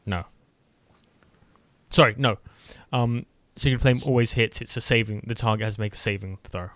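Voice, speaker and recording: A man's voice: lowish voice, moderate pace, fairly bright tone, dry recording. A man playing a tabletop game, chatty and jokey, often correcting himself. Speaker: player. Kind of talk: casual tabletop game chat.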